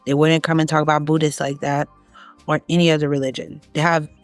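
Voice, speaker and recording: This online creator from Haiti speaks briskly and with a flat delivery, yet her casual, opinionated monologue stays emphatic, her voice going up as she pushes a point. There's no echo, just faint music behind her.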